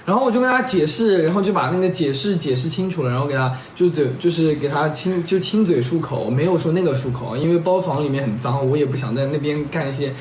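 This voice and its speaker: Brief: young man, high-pitched and quick, rambling casual storyteller. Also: expressive, darkish tone, a little hiss or hum. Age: young adult. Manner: rambling, strings clauses with "and then", checks in with listeners. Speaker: vlogger telling a couple story. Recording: roomy echo.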